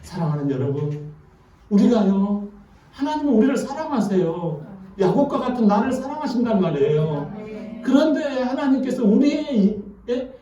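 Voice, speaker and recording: A male pastor preaching a sermon, animated and asking the congregation questions. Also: very high-pitched, moderate pace, highs cut off, soft background music. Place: church sanctuary. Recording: echoey church from far off.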